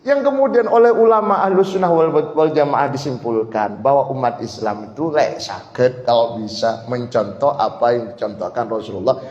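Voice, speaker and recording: A man preaching, telling stories lively and often addressing the listeners directly, in a mosque hall. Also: medium pitch, moderate pace, hardly any pauses. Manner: lively storyteller who keeps addressing the audience. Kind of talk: sermon storytelling. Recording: echoey dull mosque hall recording.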